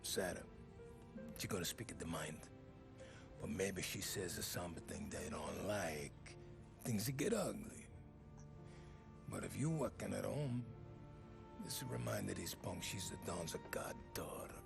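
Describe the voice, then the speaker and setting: Fatherly Italian barkeep, Italian accent, low gravelly voice, slow halting speech, game score behind. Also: expressive, full character voice. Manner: hesitant, full of uhs, fatherly. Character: middle-aged Italian bar owner, fatherly, protective. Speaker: bar owner in a mob story. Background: game music.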